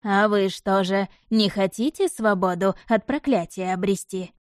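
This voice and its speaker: A woman voicing a creaky-voiced old god disguised as a stablehand, speaking in a sly, mocking, folksy way in an audiobook. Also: mid-range voice, unhurried, no echo, studio quality, natural voice.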